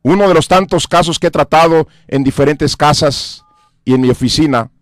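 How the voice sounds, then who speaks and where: Speaking at a moderate pace in a voice on the high side, a Mexican pastor preaches earnestly on the radio from a studio. He repeats and lists his points with emphasis, and the recording is dry.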